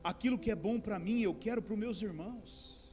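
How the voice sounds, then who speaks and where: A man's voice: high-pitched, moderate pace. A man pastor preaching a sermon, addressing the congregation as brothers and rising into pleading outbursts.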